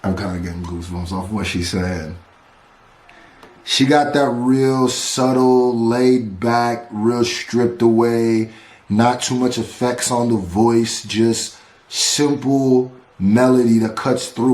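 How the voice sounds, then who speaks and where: Male reactor, slow and awed, roomy echo around the voice. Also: medium pitch, darkish tone. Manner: emotional, awed, gushing. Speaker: music reaction YouTuber. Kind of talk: casual reaction commentary. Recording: echoey room.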